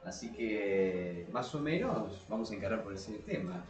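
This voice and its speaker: This podcast host, an Argentine Spanish-accented man, leads a casual debate with rambling, self-correcting informal explanations. His voice sits on the low side, animated yet at a measured pace. The recording has an echoey, reverberant room sound.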